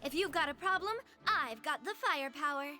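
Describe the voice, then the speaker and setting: A woman's voice: high voice, a little fast, bright, forceful tone, faint music behind. A woman voicing a confident, playful young woman leader in a video game. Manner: playful, bold. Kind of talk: game voice acting.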